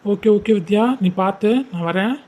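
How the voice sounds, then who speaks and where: A woman voicing a young man who calmly reassures his girlfriend. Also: medium pitch, normal speed, background noise, voice pushed down, close to an everyday voice. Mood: reassuring. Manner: calm, reassuring.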